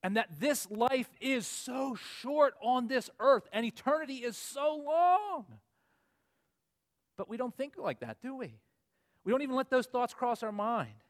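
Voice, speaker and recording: Forties male preacher, high-pitched, earnest, builds to emphatic peaks. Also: big pitch swings, a little slow. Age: 40s. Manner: earnest, rising to emphatic peaks then dropping low. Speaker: pastor. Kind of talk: sermon.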